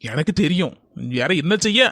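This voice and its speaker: A man's voice: high-pitched, expressive, fairly quick, a bit bright, no echo, clean studio sound. A man voicing a chatty young office worker in a cartoon, speaking Kanyakumari Tamil. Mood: bickering.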